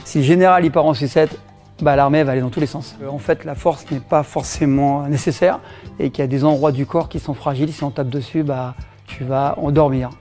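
A man's voice: a little high, steady tone, fast, a little mellow, faint music behind. A middle-aged man with a French accent teaching self-defense in a casual demonstration, joking and laughing often as he explains.

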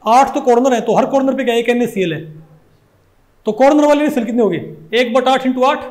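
A man with a Hindi accent and a strikingly high voice lectures on chemistry. He keeps asking his class rhetorical questions and goes over each point again and again. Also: brisk, darkish tone. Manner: asks constant rhetorical questions, repeats points. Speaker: chemistry teacher.

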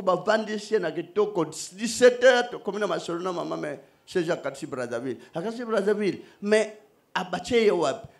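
A man preaching a sermon, speaking emphatically and raising his voice to the congregation. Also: sits high. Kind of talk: sermon mixing Lingala and French.

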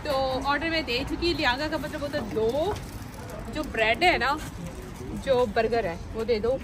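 A woman's voice: sits high, a little slow. A young woman from Pakistan, chatty and upbeat, narrating a casual vlog to a phone held at arm's length on a city street at night. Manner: chatty, upbeat, talks straight to camera. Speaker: vlogger. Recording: loud street noise.

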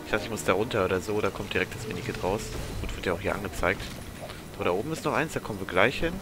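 A man with a lowish voice gives casual, off-the-cuff commentary while gaming. He mutters to himself with a mild grumble, and game music plays clearly behind him. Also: very fast. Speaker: let's player.

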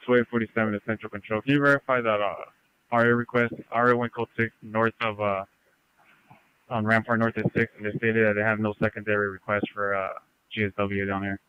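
A man's voice: lowish voice, little pitch movement, a little fast, smooth, no echo. A man talking procedurally and a little hesitantly over a police radio. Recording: dull lo-fi police scanner radio.

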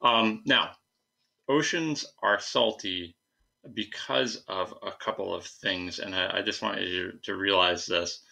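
A man's voice: deep voice, takes it slowly, gravelly, sharp tone. A young man teaching an informal slide lecture, explaining things with hesitant phrasing and asides at a computer. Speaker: science teacher. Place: indoors, recorded at a computer.

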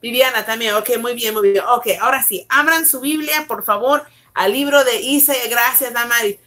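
A woman pastor teaching the Bible on a live stream from her bedroom at home, urging viewers along briskly and greeting them by name. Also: a little high, pushed and bright.

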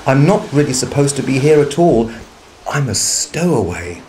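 A man's voice: medium pitch, very animated, normal speed, a little mellow, slight background noise, close to an everyday voice. A man voicing a small, polite young male bear who speaks in an earnest, eager way.

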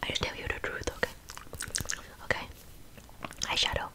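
A woman's voice: moderate pace, lightly acted. Woman's whispered role-play of a bossy, accented makeup artist. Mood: scolding. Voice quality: breathy unvoiced whisper with wet mouth sounds. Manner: scolding, blunt, clipped phrasing. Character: bossy, blunt, insulting female makeup artist.

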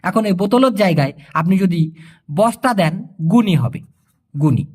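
A man with a fairly high, lively voice that rises and falls a lot. He teaches in a casual video lesson, repeating each phrase and checking that the listener has understood. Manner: explains each word slowly, repeats phrases and asks if it is clear; jokes with the viewer. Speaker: language teacher.

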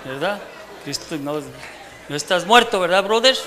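A man's voice: high voice, animated, normal speed, pushed and bright, a faint crowd, a little hiss or hum. A man in his sixties with a Mexican accent, telling a humorous testimony in a church sermon and teasing the congregation. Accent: Mexican Spanish. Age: 60s. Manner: joking storyteller who teases the congregation. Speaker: preacher giving testimony.

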